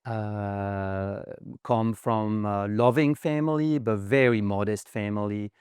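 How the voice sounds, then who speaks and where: A middle-aged man with a slight French accent, speaking in measured, hesitant phrases as a guest in an interview conversation. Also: on the low side, steady tone, darkish tone, clear, resonant tone, dry recording, studio quality. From France. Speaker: podcast guest, investment fund founder.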